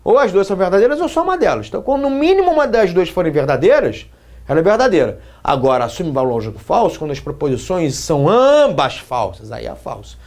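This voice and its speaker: A man's voice: high-pitched, big pitch swings, fast talker, darkish tone. A man from Brazil teaching a logic lesson at a whiteboard, checking in with students again and again as he explains. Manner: explains with repeated questions to the students.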